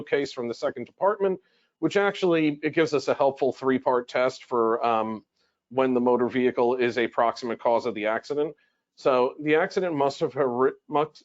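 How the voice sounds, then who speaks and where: A man with a medium-pitched voice, recorded with a muffled sound, presents a legal webinar. Working from notes, he explains things conversationally, posing questions and then answering them himself.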